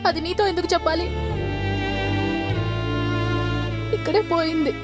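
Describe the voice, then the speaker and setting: A young working woman who rattles on at a racing pace in a high, light voice, chatty and snappy. A clear background score runs under her lines in this film soundtrack. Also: flat delivery, rapid-fire. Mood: curt. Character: young working woman, blunt and quick-tongued. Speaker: shop worker in a film. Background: music.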